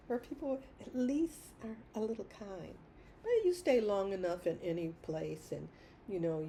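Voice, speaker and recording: A middle-aged woman vlogger talks in a low, creaky, mellow voice, with a slight hiss or hum in the background. Her unscripted personal monologue rambles, and she repeats her points emphatically, laughing often between phrases.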